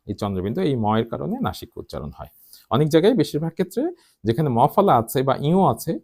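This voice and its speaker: লাফিয়ে ওঠা-নামা সুরে বাংলা শিক্ষক পুরুষ. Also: male voice, mid-range voice, a little mellow. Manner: slow, deliberate syllable-by-syllable explanation. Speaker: Bengali language teacher. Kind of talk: spoken lesson on pronunciation.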